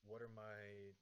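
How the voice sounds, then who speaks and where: A man's voice: fairly low pitch, a little hiss or hum. A man talking casually as a player in a tabletop role-playing game.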